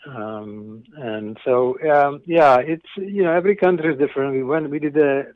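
In a narrow, tinny recording without echo, a middle-aged man speaks at a moderate pace in a mid-range voice with a Slovak accent. He comes from eastern Slovakia and founded a cycling company; as an interview guest his answers are casual and reflective, enthusiastic and meandering, often breaking off mid-thought.

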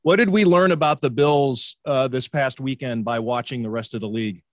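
A man's voice: medium pitch, moderate pace, no echo, studio quality. A man hosting a sports show, asking questions in a casual, chatty way. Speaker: interviewer, sports show host.

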